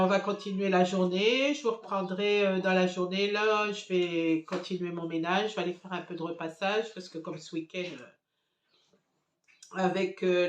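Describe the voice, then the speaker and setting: A middle-aged woman chatting casually to her phone camera at home, rambling with many hesitant fillers. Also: fairly low pitch. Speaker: family vlogger. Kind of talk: casual vlog chat to camera. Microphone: handheld phone camera. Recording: echoey home room.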